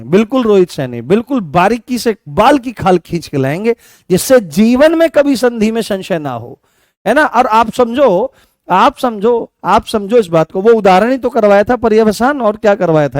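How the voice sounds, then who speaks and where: In a sing-song voice that's high for a man, spoken at normal speed, a teacher with a Rajasthani Hindi accent runs an online exam-prep grammar lesson. He repeats each point, coaxes students with questions while calling them beta, and answers viewer comments by name, and the close, dry recording has no echo or room sound.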